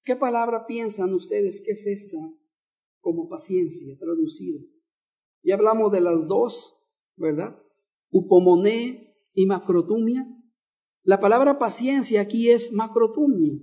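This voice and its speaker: A man preaches a teaching sermon, stopping to repeat key words and put questions to the congregation. His voice sits high for a man yet sounds mellow and warm rather than bright. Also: measured pace. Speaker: pastor.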